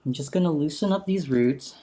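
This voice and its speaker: A man talking casually while repotting a houseplant at home, gently enthusiastic, speaking into a sensitive close mic turned up for ASMR. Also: fairly high pitch, a little fast. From San Francisco area. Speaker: plant vlogger. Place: home room with a chandelier.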